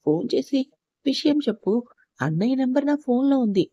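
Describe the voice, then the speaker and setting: A woman's voice: sits high, lively intonation, a little fast, warm tone, no room sound, highs cut off. A woman reading the part of a playful young sister-in-law who teases and reassures in a storybook reading. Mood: teasing.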